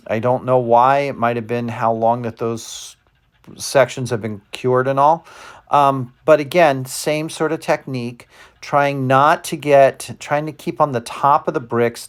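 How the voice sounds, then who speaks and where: A man's voice: mid-range voice, clean tone. A man giving a casual, rambling voice-over commentary as he explains his hobby model-making step by step. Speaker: hobby model-maker narrating tutorial.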